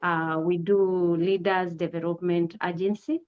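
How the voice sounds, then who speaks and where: This is a Kenyan pastor, a woman in her 40s, appearing as a guest for a testimony interview recorded in dull lo-fi sound. She speaks in a low, level tone, measured and earnest with gratitude, often pausing with "uh."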